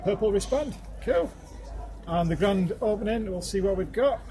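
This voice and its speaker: A vlogger with a high, expressive voice speaks at normal speed on a road trip, talking to viewers directly in a chatty, cheeky, sweary way at a roadside, an airport and a stadium. Filmed on a handheld camera, the audio carries loud outdoor noise from traffic, jets and a crowd.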